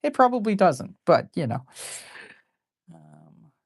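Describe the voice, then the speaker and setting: A woman's voice: mid-range voice, sing-song, slow, darkish tone, no echo, clean studio sound. A woman artist chatting casually while she draws on a live stream, rambling and poking fun at herself, with plenty of ums and uhs. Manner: rambling and self-deprecating, with many fillers. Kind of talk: casual chat while drawing.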